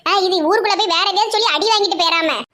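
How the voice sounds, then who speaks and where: Bright, high-voiced Tirunelveli Tamil woman. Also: racing. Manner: dramatic, scolding and lively. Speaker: comedy sketch actor. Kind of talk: village comedy skit.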